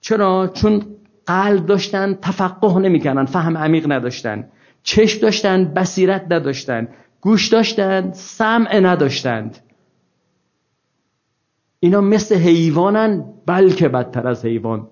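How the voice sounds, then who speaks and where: In an informal scripture lecture to an audience, a man speaks wryly and ironically, firing off plenty of rhetorical questions. His voice is high-pitched and expressive, heard through a dull lo-fi recording.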